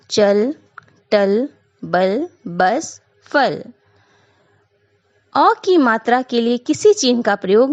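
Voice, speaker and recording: Woman teacher, slow and patient, lively pitch, dull lo-fi sound, lesson read-through. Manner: patient, repeats points, frequent "a" fillers. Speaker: Hindi grammar teacher. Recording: dull lo-fi recording.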